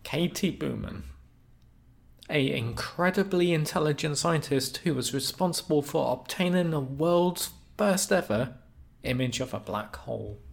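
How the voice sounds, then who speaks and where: Male podcast co-host, slow-talking, gravelly, deadpan. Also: on the high side. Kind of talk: casual podcast chat.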